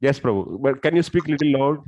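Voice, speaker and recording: A man's voice: medium pitch, expressive, fairly quick, a little mellow, lo-fi sound. A man with a South Indian accent teaching a religious lesson step by step, often putting questions to his listeners. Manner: explains step by step, asking questions. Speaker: scripture teacher.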